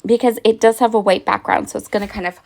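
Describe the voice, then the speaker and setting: A middle-aged woman with a mid-range, slightly froggy voice narrates her scrapbooking process for her crafting channel, speaking quickly with fairly even intonation, some vocal fry, and a little mellowness. She chats casually, pokes fun at herself, and laughs often throughout the voice-over.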